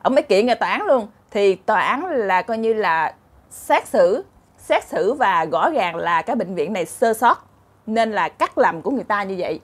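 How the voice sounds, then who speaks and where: A woman's voice: medium pitch, expressive, normal speed, slightly rough. A woman with a Southern Vietnamese accent telling funny short stories in a chatty way, laughing often and acting out characters. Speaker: storyteller host. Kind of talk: casual comic storytelling.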